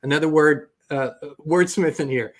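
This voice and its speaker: A man's voice: fairly high pitch, moderate pace. A man hosting an earnest, reflective spiritual motivational talk. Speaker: host.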